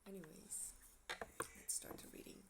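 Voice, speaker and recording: A Portuguese woman with a Portuguese accent gives a rambling tarot reading straight to camera, chatting casually at a normal pace. She's talkative and laughs lightly now and then. The recording is very noisy.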